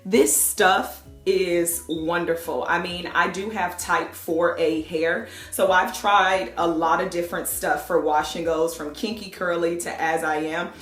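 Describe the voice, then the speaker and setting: A woman's voice: on the low side, steady tone, unhurried, hardly any pauses, a bit bright, roomy sound, soft background music. A young woman vlogger giving a casual hair tutorial at home, chatty and playful, laughing at herself. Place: home room.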